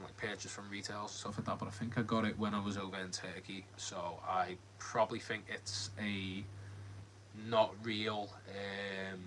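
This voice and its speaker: At home under a ring light, a Liverpool man with a Scouse accent hosts a casual live Q&A, reading out the chat in a friendly, rambling way full of ums and likes. His voice is lowish and a bit bright, and the low-quality recording carries a little hiss or hum.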